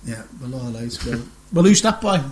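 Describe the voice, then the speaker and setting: A man's voice: medium pitch, very animated, normal speed. A middle-aged man hosting a casual radio chat show, rambling and joking and laughing often.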